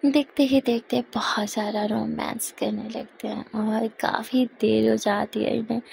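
Female narrator for a romance story; dramatic delivery, dark and fry-edged tone. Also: on the high side, slight background noise. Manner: dramatic storytelling, performs all roles.

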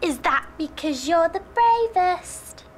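A woman voicing a taunting, daring kid in a cartoon, with drawn-out, repetitive emphasis. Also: very high voice, expressive, faint music behind, heavily acted. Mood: pushy. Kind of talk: exaggerated cartoon acting.

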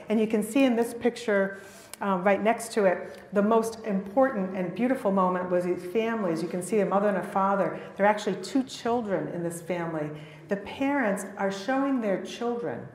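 A middle-aged woman giving an earnest, animated conference talk at a podium mic in a large auditorium. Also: medium pitch. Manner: earnest and animated, with frequent restarts. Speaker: keynote speaker. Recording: echoey hall with long reverb.

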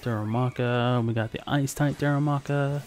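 A man's voice: medium pitch, fairly even intonation, normal speed, a little mellow. A man giving casual Let's Play commentary as a gaming YouTuber, chatting to the game and its creatures as he plays. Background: faint game music.

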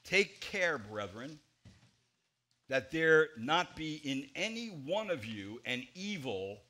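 Pastor, male, 40s, preaching from a church pulpit, bright forceful voice, big emphatic swings. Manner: emphatic, gesturing widely, swings between loud stresses and quiet low drops. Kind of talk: expository sermon.

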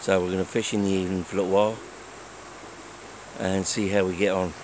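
A man's voice: low voice, flat delivery, a little mellow, rough recording. Chatty man filming by a lake. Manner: chatty, unhurried, plain-spoken. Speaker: angler filming his fishing trip. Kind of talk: casual walk-and-talk vlog. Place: outdoors by a fishing lake, walking around. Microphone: handheld phone camera. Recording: faint outdoor noise.

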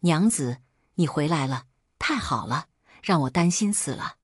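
A woman's voice: animated, a little slow, breathy edge, dry recording, studio quality, full character voice. A woman doing a hot-tempered young husband. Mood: relieved. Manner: deep, brooding, bursts of fury. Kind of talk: storytelling voice acting.

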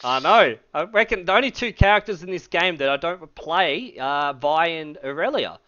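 Animated man breaking down a game. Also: fairly high pitch, normal speed, highs cut off. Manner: thoughtful, analytical, hedges with "I reckon". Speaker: game commentator. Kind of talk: casual co-commentary.

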